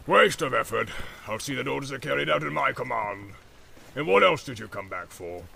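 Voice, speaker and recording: Man putting on a gravelly orc captain. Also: medium pitch, animated, fairly quick, heavily acted. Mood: scornful. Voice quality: gravelly, barking. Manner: shouting orders, mocking laughter. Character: brutal male orc captain, bullying and boastful.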